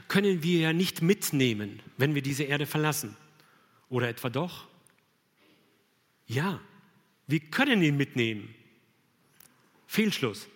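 Male pastor, emphatic sermon delivery, slightly high voice, long reverb. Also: fairly bright tone. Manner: earnest, emphatic preaching with rhetorical questions. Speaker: preacher.

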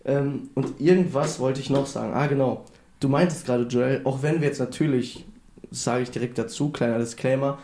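Young man with roomy, mellow voice. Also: medium pitch, steady tone, normal speed. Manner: enthusiastic, youthful slang. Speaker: podcast co-host.

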